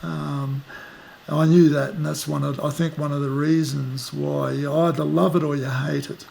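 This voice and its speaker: A man in his fifties with an Australian accent, talking in an unhurried, reflective way as an interviewee, often trailing into fillers. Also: on the high side, level tone, vocal fry, a little mellow, slight background noise. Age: 50s. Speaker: musician interviewee. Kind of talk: casual interview. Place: outdoors at the back of a house, rainy day.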